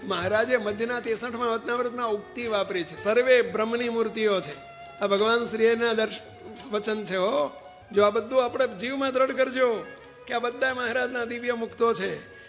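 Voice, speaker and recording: A man's voice: very high-pitched, normal speed, a bit bright, faint music behind. A man giving a storytelling sermon, narrating anecdotes and speaking directly to his listeners. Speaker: spiritual preacher. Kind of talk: storytelling sermon explaining a devotional hymn. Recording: long hall reverb.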